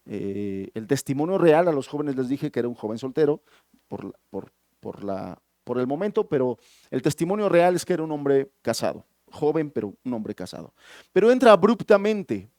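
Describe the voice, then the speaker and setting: A man's voice: on the high side, very animated, normal speed, a little mellow, no room sound, studio quality. A male pastor with a Mexican Spanish accent preaching a sermon in a conversational, storytelling way. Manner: conversational storytelling, many restarts.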